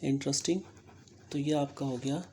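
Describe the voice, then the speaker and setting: A teacher with an Indian English accent explaining English grammar step by step, talking slowly and deliberately, spelling words out letter by letter and often checking understanding. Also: medium pitch, fairly even intonation, dark tone, slight background noise. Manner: slow, deliberate, checks understanding with frequent "theek hai". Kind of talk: recorded classroom-style grammar lesson.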